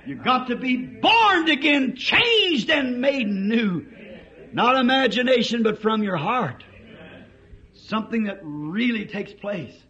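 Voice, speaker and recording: A man preaching a fiery revival sermon, impassioned and breaking into shouts. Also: very high-pitched, lively intonation, takes it slowly. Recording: dull lo-fi archive recording.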